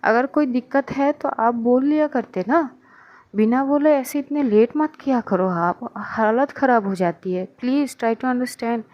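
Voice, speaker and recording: A woman's voice: fairly high pitch, measured pace, muffled recording, lightly acted. A woman voicing a young woman who frets and scolds her partner for coming home late. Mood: worried. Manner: worried, scolding and pouting. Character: young woman Muskan, anxious and sulky lover.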